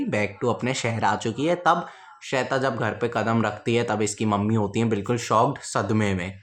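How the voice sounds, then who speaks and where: A man's voice: medium pitch, a bit bright. A young man telling a casual storytime vlog story, speaking bluntly and slangily and talking straight to his viewers. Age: young adult.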